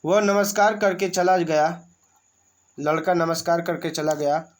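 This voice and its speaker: Male teacher, unhurried and slightly high voice, reads a text and explains it plainly. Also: steady tone. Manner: reads a passage aloud, then explains it in plain words. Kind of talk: reading and explaining a school lesson.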